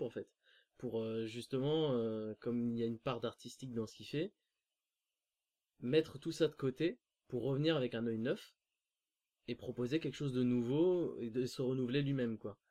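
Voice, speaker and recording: A man's voice: mid-range voice, mellow. A man interviewing a guest, asking long rambling questions and searching for his words.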